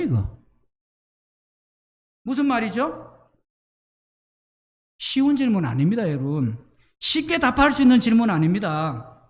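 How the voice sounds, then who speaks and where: A man preaches in a notably high voice. He speaks animatedly and with emphasis, now and then pushing up to a shout. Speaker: pastor. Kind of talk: sermon.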